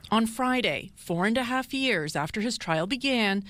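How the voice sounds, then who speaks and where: A woman, a television reporter narrating a news story in a measured, formal way. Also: fairly high pitch, expressive, a bit bright.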